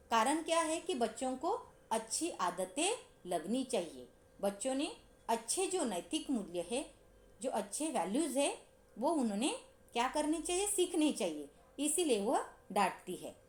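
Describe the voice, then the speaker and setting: Lively woman teacher with a high voice. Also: roomy sound. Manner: lively, asks pupils questions, repeats points. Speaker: school teacher. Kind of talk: explaining a story lesson to pupils.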